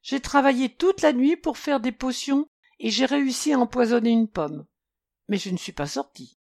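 A woman's voice: sits high, animated, moderate pace, darkish tone, pitched above the performer's own voice. A woman voicing a female fairy-tale witch who brews potions, defensive and matter-of-fact.

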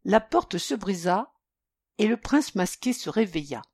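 A woman reading a children's story aloud, expressive and measured. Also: medium pitch, husky, no room sound, clean studio sound.

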